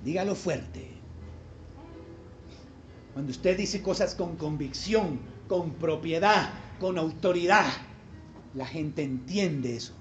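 A man preaches as pastor in a slow, somewhat high voice with long pauses, emphatically quizzing the congregation with rhetorical questions. Faint music sits behind him in a dull live church recording with faint ambience.

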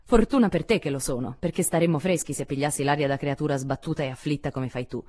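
A woman's voice: deep voice, fast, a little mellow. A woman reading an audiobook voices Jo, a blunt, boisterous teenage girl who talks in a brash, teasing way.

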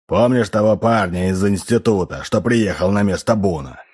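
Man doing embittered male station chief, blunt, low-pitched, audiobook. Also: moderate pace, a little mellow, slightly rough. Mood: bitter. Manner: blunt, bitter.

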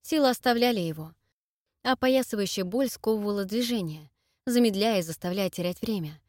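A woman reading a fantasy audiobook in measured scripted narration. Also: medium pitch, a little mellow, no room sound, studio quality.

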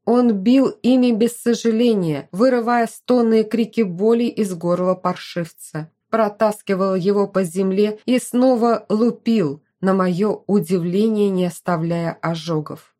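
A woman reads a fantasy novel aloud, narrating with expressive storytelling. Her voice is mellow and darker in tone, at an ordinary middle pitch for a woman. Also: a little slow, few pauses. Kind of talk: audiobook reading of a fantasy novel.

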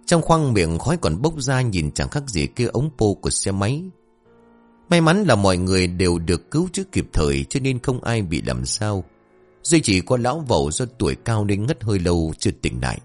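A man narrating a comic folk tale in an animated, expressive way. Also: fairly low pitch, moderate pace, faint music behind. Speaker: storyteller.

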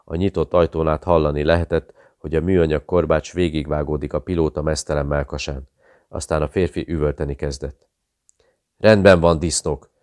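A man's voice: rumbling low, little pitch movement, a little mellow, dry recording, clean studio sound. A man steadily narrating a thriller audiobook.

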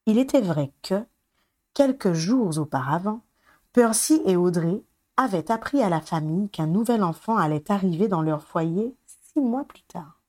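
A woman reading a storybook aloud in an even, measured way. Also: mid-range voice, dry recording, studio quality. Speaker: audiobook reader. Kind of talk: storybook narration.

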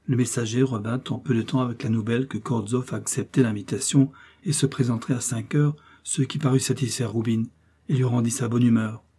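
Dark, husky male audiobook narrator. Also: mid-range voice, steady tone, a little fast. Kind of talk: scripted narration of a novel.

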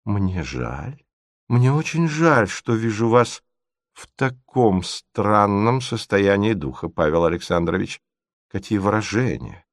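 A man voicing a scheming middle-aged lady who speaks in a soft, hushed, sorrowfully sweet tone in a storybook reading. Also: medium pitch, very animated, unhurried, dry recording, clean studio sound. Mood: reproachful.

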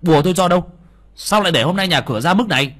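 A man's voice: on the low side, sing-song, brisk, darkish tone, breathy edge. A man doing a brash, scolding young exorcist. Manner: scolding, blunt. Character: brash young male exorcist, short-tempered.

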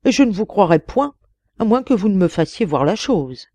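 A woman's voice: medium pitch, sing-song, normal speed, warm tone, no echo. A woman reading the part of a wary fisherman who scorns and outwits a genie. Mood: doubting. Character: wary, defiant old fisherman.

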